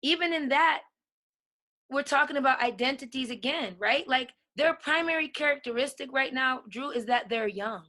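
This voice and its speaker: A woman guest on a podcast speaks passionately and emphatically, repeatedly checking in with "right?". Her voice sits high and bright with a forceful tone, at a moderate pace.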